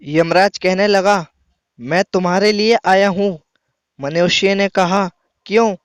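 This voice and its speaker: A man telling short jokes briskly, acting out the dialogue between the people in them. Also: high voice, steady tone, smooth, no echo. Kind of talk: telling jokes over music. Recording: loud background music.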